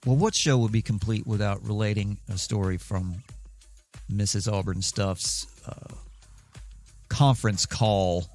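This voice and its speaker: A man's voice: on the low side, fairly even intonation, measured pace, darkish tone, soft background music. A man hosting a casual solo podcast, telling stories in a rambling, wry, self-deprecating way. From southeastern United States. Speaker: podcast host.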